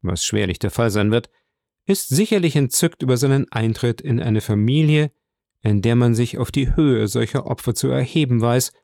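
A suave count in a storybook reading, calm and polished, who chooses each courteous phrase with care, as a man reads him. His voice has a gravelly grain and sounds dry and close to the mic. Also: medium pitch, normal speed, no room sound. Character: suave, composed male count, courteous and assured.

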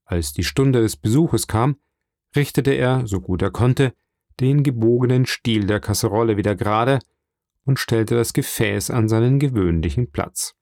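Dark-voiced male audiobook narrator. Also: mid-range voice, no echo, clean studio sound. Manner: measured, even storytelling. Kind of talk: scripted narration.

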